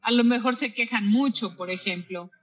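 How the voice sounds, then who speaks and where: A bright, crisp voice teaches Buddhist practice to a group. The speech comes in short halting phrases, doubling back to repeat and restart words. Now and then it turns to the listeners with quick questions and asides. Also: mid-range voice, muffled recording.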